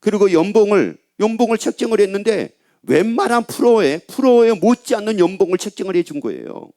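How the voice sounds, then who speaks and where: A man's voice: sits high, expressive, brisk, warm tone. A middle-aged male pastor preaching a sermon, driving his points home with repeated rhetorical questions to the congregation. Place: church pulpit.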